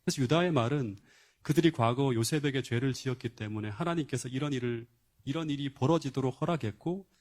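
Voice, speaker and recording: A man's voice: medium pitch, a little fast, darkish tone. A male pastor giving a sermon, retelling a Bible story emphatically with rhetorical questions and frequent interjections of "yes".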